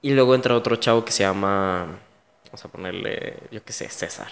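A man's voice: fairly low pitch, fairly quick, vocal fry, big-room sound. A young man with a Mexican Spanish accent, a guest in an interview, telling his own story bluntly and emotionally, full of slang.

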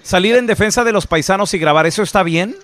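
High-voiced host asking questions. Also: male voice, fast, fairly bright tone, no room sound. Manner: asks guests questions, short reactions. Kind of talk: casual radio chat.

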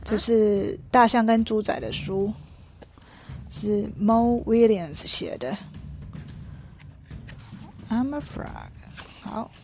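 Lively woman reading a picture book. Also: medium pitch, takes it slowly, a little hiss or hum. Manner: lively, explains to a child, asks questions. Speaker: storyteller reading to a child. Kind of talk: bilingual picture-book read-aloud.

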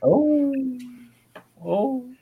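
A man's voice: very high voice, animated, drawn-out words, phone-quality sound, slight background noise. A man hosting a casual live stream, upbeat and greeting viewers by name.

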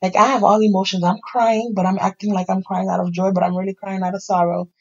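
A middle-aged woman telling her life story in a candid, animated conversation, acting out the people she quotes. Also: medium pitch, quick pace, muffled recording. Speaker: podcast host sharing her life story.

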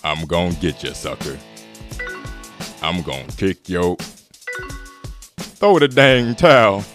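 A man voicing a gruff, tough action figure toy that spouts movie catchphrases in a comedy ad skit. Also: low-pitched, very animated, slow pace, music in the background, exaggerated voice. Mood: tough, menacing.

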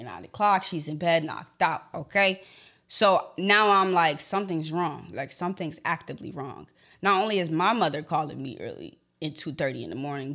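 Speaking to the camera, a young woman with a fairly low-pitched voice shares an emotional personal story. Her voice grows shaky and swings between loud and hushed.

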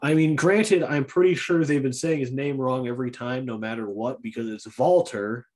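A man co-hosting a casual podcast chat, laid-back and quick to laugh. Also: mid-range voice, fairly even intonation, darkish tone. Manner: laid-back, laughs often, jokingly plays a brash wrestler. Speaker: podcast co-host.

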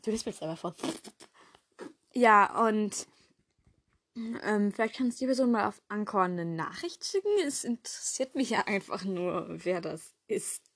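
A woman co-hosting a podcast, talking in a relaxed, chatty way. She is eager and quick to jump in. Her voice sits at an ordinary middle pitch for a woman. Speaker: podcast co-host. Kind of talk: casual chat.

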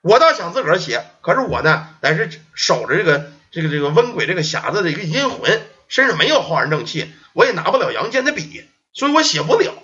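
A man's voice: sits high, big pitch swings, pushed and bright, lo-fi sound, heavily acted. Man doing an old pleading ghost. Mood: grave. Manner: slow, pleading, old-fashioned formal speech.

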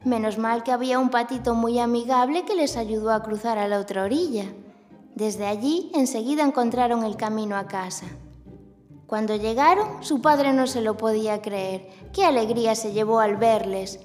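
A woman's voice: on the high side, moderate pace, a little mellow, long reverb tail. A woman speaking like a kids show host, narrating a scripted children's story to young listeners. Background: music.

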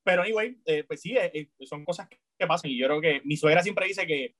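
A man telling a story in casual chat, hesitant, with many restarts, growing animated as he goes. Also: fairly high pitch, brisk, no echo. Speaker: storyteller in a conversation.

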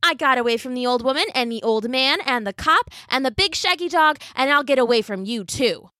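A woman's voice: sits high, expressive, brisk, sharp tone, no room sound, clean studio sound, pitched above the performer's own voice. A woman voicing a cheeky runaway gingerbread cookie boy in a taunting sing-song chant.

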